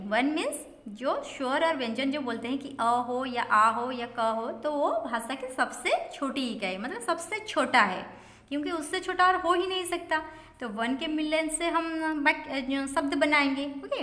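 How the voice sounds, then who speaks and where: A woman teaching young children, breaking each point down step by step and answering the questions she asks herself. Her voice sits high. The sound carries a roomy echo with a long reverb tail. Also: a bit bright. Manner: explains step by step, asks and answers her own questions, mixes in English words. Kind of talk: classroom lesson for children. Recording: echoey room with long reverb.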